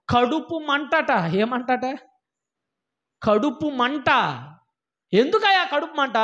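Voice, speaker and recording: A man's voice: high-pitched, lo-fi sound. A man preaching a sermon, scolding his listeners and firing repeated rhetorical questions at them. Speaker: pastor.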